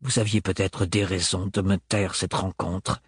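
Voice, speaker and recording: A man's voice: low voice, level tone, moderate pace, slightly rough, no room sound, clean studio sound, pitched below the performer's own voice. A man voicing a tall, stern and cold nobleman in an audiobook, curt and hard in his delivery. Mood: stern, low.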